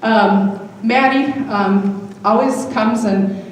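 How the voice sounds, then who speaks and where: A woman, probably middle-aged, speaks extremely slowly in a fairly high voice, giving an informal, affectionate thank-you speech as a school drama director. It's a live event in a large indoor hall, recorded far away on an event microphone with strong echo and faint noise.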